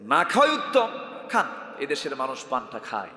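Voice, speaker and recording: A man preaching at a large gathering with a lively, swooping delivery and a bright, ringing tone. He keeps pushing the crowd to shout their answers back. His voice carries a long, roomy echo. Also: mid-range voice, moderate pace. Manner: animated, calls on the crowd to answer louder. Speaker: Islamic preacher. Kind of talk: Bengali waz sermon. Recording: echoey hall sound.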